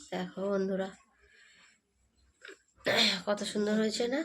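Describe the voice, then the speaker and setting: A young woman chatting casually to her viewers in a daily home vlog, filming herself with a handheld phone. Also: mid-range voice. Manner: chatty, addresses viewers as friends; speaks softly so passers-by won't stare. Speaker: vlogger. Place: family home in a semi-rural village. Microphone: handheld phone camera.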